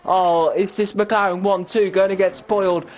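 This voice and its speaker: A young man giving excitable, breathless live play-by-play for a sim-racing stream, his voice prone to cracking. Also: sits high, normal speed, low-quality recording. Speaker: race commentator.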